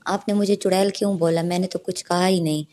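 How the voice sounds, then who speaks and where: A woman voicing a cheeky, sharp-tongued young woman in a storybook reading, muttering sarcastic asides. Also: on the low side, moderate pace, slight background noise, close to an everyday voice.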